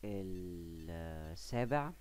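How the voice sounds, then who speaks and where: A man's voice: deep voice, animated, drawn-out words, darkish tone, slight background noise. A man with an Egyptian Arabic accent explaining a language lesson in a casual, patient way, step by step, sometimes restarting mid-word. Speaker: language teacher.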